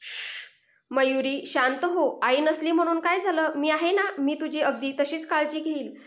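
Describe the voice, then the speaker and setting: A woman's voice: sits high, fairly even intonation, moderate pace, pitched above the performer's own voice, close to an everyday voice. A woman voicing a caring, protective young man who comforts and reassures in a story reading. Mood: soothing. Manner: gentle, reassuring, sometimes urgent. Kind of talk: Marathi audio story dialogue.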